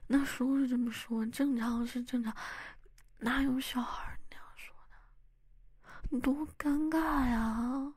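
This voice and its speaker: A woman's voice: high voice, fairly even intonation, a little slow, long pauses, breathy edge, dry recording. A young woman acting as a wife and mother in a whispered role-play, talking intimately and teasingly to her husband. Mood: chatty. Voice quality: soft whispery delivery. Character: young wife, playful, easily flustered.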